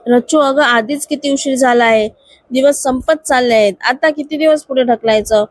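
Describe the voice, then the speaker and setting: Woman reading as an earnest young office worker, pleading, loyal, high voice, dry close sound, storybook reading. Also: normal speed, dry recording.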